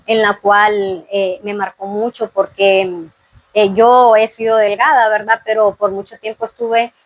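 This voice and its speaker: A woman's voice: medium pitch, flat delivery, a little slow, dry recording, poor audio. Earnest woman testifying. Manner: earnest, full of religious phrases, frequent fillers and "¿verdad?". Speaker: interview guest giving testimony. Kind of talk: personal faith testimony.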